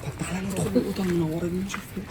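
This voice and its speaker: A young man with an Egyptian Arabic accent, vlogging as he explores an abandoned villa, excitable and jumpy, often dropping into whispers. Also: high-pitched, very fast, noisy background. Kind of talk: exploration vlog.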